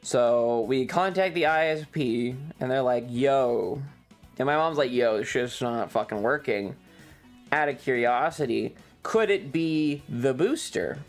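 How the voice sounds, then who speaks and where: Soft music plays in the background as a medium-pitched streamer wanders through a personal anecdote. The telling is casual, exasperated, and sweary, with stop-start, repetitive wording.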